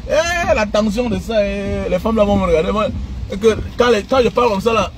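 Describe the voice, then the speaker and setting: High-pitched, animated lecturing man. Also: brisk, a little hiss or hum. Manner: emphatic, lecturing, repeats phrases, bursts of shouting. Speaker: vlogger giving life advice. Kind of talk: casual preachy monologue.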